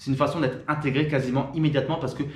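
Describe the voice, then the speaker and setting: A French man talks straight to the camera in a quick, informal patter, full of fillers and restarts. His pitch sits mid-range. The voice bounces around a roomy, echoing space. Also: steady tone. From France. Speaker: YouTuber. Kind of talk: casual direct-to-camera talk.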